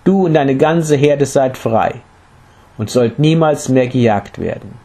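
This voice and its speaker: A man's voice: medium pitch, animated, unhurried, dark tone, pitched above the performer's own voice. A man voicing a mighty human king in a read-aloud fable, speaking in stately, formal words. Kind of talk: storybook reading.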